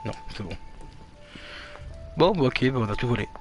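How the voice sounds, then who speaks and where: A man's voice: medium pitch, lively intonation, moderate pace, faint music behind. A swearing, muttering man streaming a game. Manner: mutters to himself, swears often. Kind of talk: casual gaming commentary.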